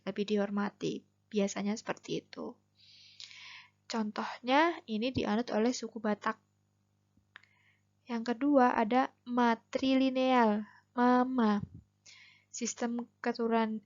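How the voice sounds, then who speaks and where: A woman teacher with a Javanese accent and a fairly high voice talks her pupils through a lesson, patient and chatty. She asks them questions as she goes. The recording sounds dull and lo-fi. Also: darkish tone. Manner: explains patiently, addresses students directly with questions. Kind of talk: classroom lesson video.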